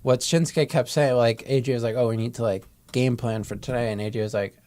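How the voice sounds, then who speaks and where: A man's voice: medium pitch, fairly even intonation, fairly quick, darkish tone. A young man co-hosting a podcast, retelling each segment play by play in casual chat and acting out the wrestlers' lines. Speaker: podcast co-host.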